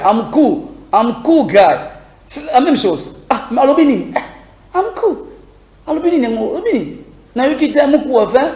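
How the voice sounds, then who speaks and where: A man teaching a beginners' English lesson on air, lively and repetitive, asking listeners to repeat phrases after him. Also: sits high, echoey room. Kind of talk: live broadcast English lesson.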